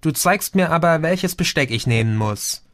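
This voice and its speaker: A man voicing a shy, grateful young woman who speaks softly and hesitantly. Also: on the high side, expressive, normal speed, voice pushed up. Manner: soft, hesitant.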